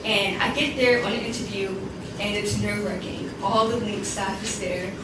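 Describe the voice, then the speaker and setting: A woman's voice: mid-range voice, fairly even intonation, normal speed. A young woman speaking as an alumni speaker at an event, earnest and laughing now and then. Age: young adult. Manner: earnest, laughs between lines. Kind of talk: speech at a networking event. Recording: echoey room from far off, loud background noise.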